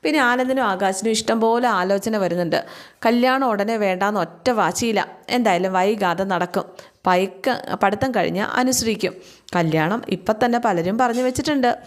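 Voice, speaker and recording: Chatty woman retelling a serial's episode. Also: medium pitch. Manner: chatty retelling, frequent drawn-out fillers, acts out quoted lines. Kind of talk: casual spoken story recap.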